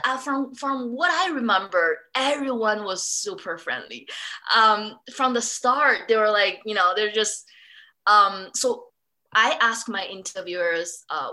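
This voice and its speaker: A woman's voice: a little high, expressive, unhurried, pushed and bright. A woman from Singapore speaking in a casual interview, chatty with many fillers and restarts. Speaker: interviewee, former student.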